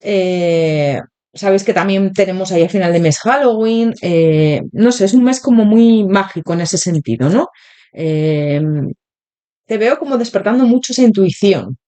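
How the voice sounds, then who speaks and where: Speaking straight to her audience, this tarot reader and channel host leads an interactive reading in a Spain Spanish accent. Her voice is medium in pitch, warm and lively in intonation, though a lingering cold leaves her throat sore, and her chatty talk is full of filler pauses.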